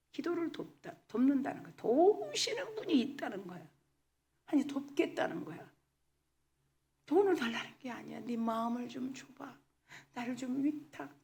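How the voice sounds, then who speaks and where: A woman's voice: sits high, vocal fry, a little mellow. A woman pastor preaching a sermon in a church, emphatic, slipping in English words and often dropping to a whisper. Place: church sanctuary.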